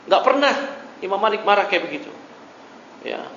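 A man's voice: high-pitched, big pitch swings, brisk, a bit bright, a little hiss or hum. Man lecturing in an echoey hall. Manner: reads a line, then explains it, with frequent checking "ya". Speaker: religious teacher. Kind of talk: classroom lecture on a religious text. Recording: dull lo-fi recording in an echoey hall.

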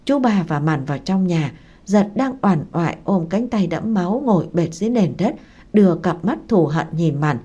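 Husky-voiced woman narrating a story. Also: lowish voice, lively intonation, moderate pace, dark tone, dull audio.

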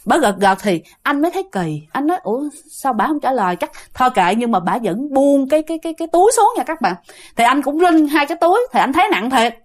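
A woman's voice: high-pitched, sing-song, fast talker. A woman narrating a ghost story in a chatty way, speaking straight to her listeners. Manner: chatty, talks to listeners directly.

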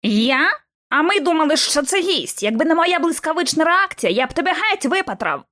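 A woman's voice: high-pitched, very animated, normal speed, bright, forceful tone, pitched above the performer's own voice, heavily acted. A woman reading an audiobook, voicing a brash, boastful young male rival agent. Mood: scornful. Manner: boastful, scornful. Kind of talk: audiobook narration.

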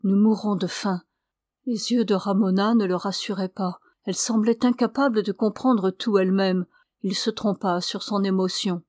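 A woman reads a novel aloud in a measured, even way, with a mid-pitched voice. Her sound is close and dry, with no room around it. It sounds like a careful audiobook narration. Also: dry recording. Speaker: audiobook reader.

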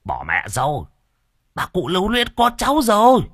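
A strained, raised voice carries a man's gruff old village shaman. He barks and scolds in lively swoops, a little husky and close. The delivery stays urgent and bossy. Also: high voice, moderate pace, dry recording, voice pushed up, exaggerated voice. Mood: alarmed.

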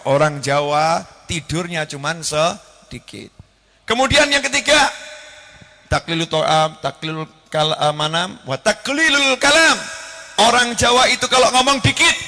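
A man preaches in a high, bright voice. He talks animatedly, repeats his words and keeps asking the audience questions. His voice carries a long hall reverb. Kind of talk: sermon.

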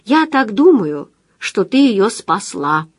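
A woman's voice: mid-range voice, big pitch swings, takes it slowly, no room sound, studio quality. A woman narrator voicing a playful young female student, speaking with light self-mocking humor in an audiobook.

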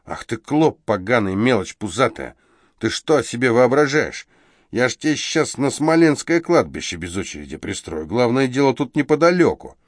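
A man voicing a brash young male street thug who boasts and threatens in a loud, drawling voice. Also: medium pitch, very animated, moderate pace, few pauses, dry recording, clean studio sound, pitched above the performer's own voice. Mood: threatening.

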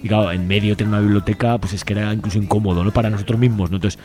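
Speaking rapid-fire in a lowish, slightly mellow voice with a steady tone, this man is a library volunteer being interviewed on the radio. His talk is casual, chatty and colloquial, peppered with question tags seeking agreement, and faint music sits behind him.

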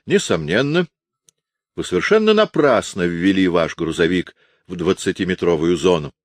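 A man's voice: deep voice, expressive, normal speed, no echo, clean studio sound. A man voicing a pompous, officious fake male starship navigator who lectures everyone. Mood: haughty.

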